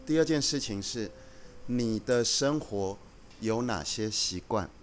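A man who is a guest executive on a podcast, explaining his company's approach in a measured, earnest way. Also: lowish voice, expressive, soft background music. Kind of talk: casual podcast conversation.

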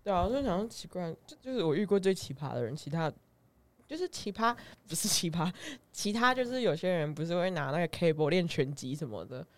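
Speaking fast with a lowish pitch, this podcast host has a Taiwanese Mandarin accent. Her talk is a relaxed chat full of stories, delivered in a giggly, animated way.

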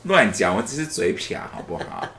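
A man's voice: fairly low pitch, very animated, normal speed, a crowd in the background. A man from Taipei with a Taiwanese Mandarin accent, hosting a casual podcast chat and laughing often. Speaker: podcast host.

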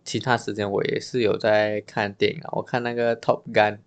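A man's voice: lowish voice, level tone, normal speed. A man from Malaysia, casually sharing personal stories as a podcast co-host. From Penang, Malaysia. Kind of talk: casual chat, personal travel anecdotes.

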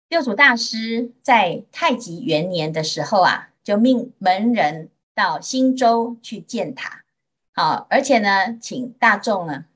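A Buddhist nun from Taiwan giving a Mandarin sermon in a gentle storytelling manner, with drawn-out particles and a Taiwanese accent. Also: female voice, mid-range voice, slightly rough. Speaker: Buddhist nun teaching sutra.

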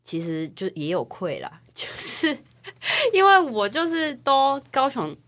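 A young woman from Taiwan, co-hosting a casual podcast chat and telling personal stories in a chatty, animated way. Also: sits high, a little slow. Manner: chatty, animated storytelling with rising excitement. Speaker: podcast co-host.

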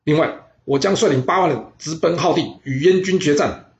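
A man's voice: lowish voice, a little fast, a bit bright. A man voicing a confident veteran general who gives firm orders. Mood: commanding. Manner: firm, commanding. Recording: roomy, slightly dull audio.

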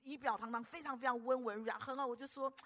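An older woman preacher, giving an animated, teasing sermon full of rhetorical questions. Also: a little high, fast talker.

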